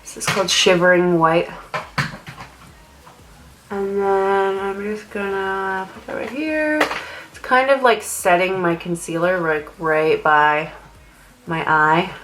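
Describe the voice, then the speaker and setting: The recording is low quality with a little hiss or hum, capturing a young woman's mid-range, slightly bright voice. Her intonation is fairly even, her pace slow, and she leaves long pauses. A makeup artist with a nasal cold, she chats casually at home through a rambling get-ready-with-me session full of "like" fillers.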